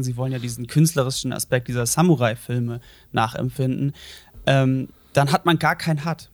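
A man's voice: mid-range voice, dry recording. A man giving his views on a video game in a casual conversation, thoughtful and searching for words. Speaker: game critic. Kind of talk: casual discussion.

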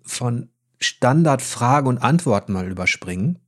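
A man's voice: mid-range voice, expressive, normal speed. A man, a journalist, speaking frankly and with opinions in a casual conversation.

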